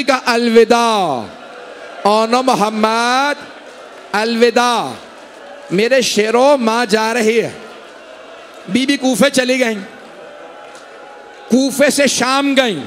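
A man's voice: extremely high pitch, a bit bright, slight background noise. A man reciting a Muharram majlis, impassioned and pleading with the gathering. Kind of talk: emotional Muharram majlis sermon. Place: imambargah gathering.

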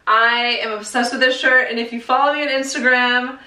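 Upbeat young female vlogger, fairly high voice, casual filler-heavy chat, echoey empty room. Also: steady tone, fairly quick, pushed and bright. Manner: chatty, lots of "like" and "um". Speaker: fashion vlogger. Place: half-empty room under renovation. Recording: echoey bare room, voice far from mic.

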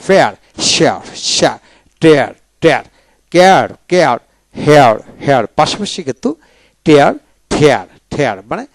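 A man with a Bengali accent teaching English pronunciation, saying each word twice slowly and carefully. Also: medium pitch, no echo. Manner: repeats each word twice, slow and deliberate. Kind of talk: pronunciation drill lesson.

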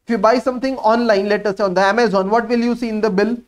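A man with a distinctly high-pitched voice and a North Indian accent teaches exam technique. He speaks English as a native Hindi speaker, mixing in Hindi words. His delivery is instructive, with key phrases repeated and questions he puts to himself. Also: fairly even intonation, quick pace. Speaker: accountancy teacher. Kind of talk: lively classroom exam coaching, working through problems.

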